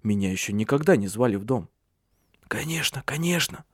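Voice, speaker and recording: A man's voice: on the low side, quick pace, darkish tone, no room sound, studio quality, close to an everyday voice. A man voicing a filthy, simple-minded old man who mumbles eagerly in an audiobook.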